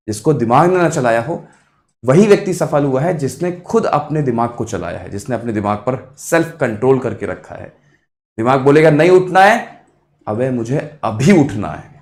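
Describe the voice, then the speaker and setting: A man teaching a live online exam-prep math class, encouraging, repeating each answer, and mixing quick calculation with motivational asides. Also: medium pitch, lively intonation, a little mellow. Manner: encouraging, repeats answers, addresses students as kids.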